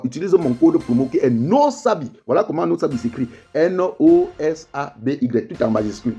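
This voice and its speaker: A man's voice: on the high side, warm tone. A male channel host reading a sponsor promo in a salesy, bouncy way. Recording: music bed underneath.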